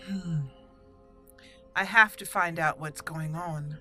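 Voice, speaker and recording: A woman with a deep, sharp-toned voice hosts a roleplay let's play on her gaming channel, speaking slowly and explaining things conversationally. Between comments she reads out character dialogue, with faint music playing behind her.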